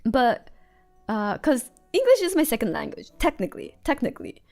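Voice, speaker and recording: Giggly woman with a lively voice. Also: a little high, moderate pace, creaky, faint music behind. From United States. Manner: giggly, chatty, trails off and restarts. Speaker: streamer. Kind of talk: casual livestream chat while drawing.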